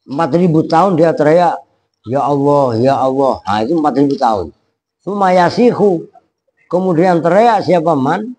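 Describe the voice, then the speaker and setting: Casting: man, kitab teacher, slightly high voice, loose and chatty. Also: a little mellow. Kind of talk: pesantren kitab lesson, word-by-word translation.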